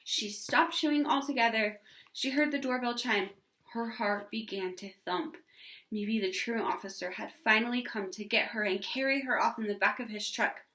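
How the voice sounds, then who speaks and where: A woman teacher reads a children's storybook aloud and talks with her class, indoors at home in an echoey room. Her voice is a little high with a sharp tone, and she keeps a moderate pace.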